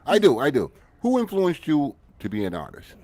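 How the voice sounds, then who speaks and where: A man's voice: fairly high pitch, huge pitch swings, moderate pace, darkish tone, no echo. A man co-hosting a podcast, tossing in laid-back jokes. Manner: laid-back, jokey interjections. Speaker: podcast co-host. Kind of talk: casual podcast banter.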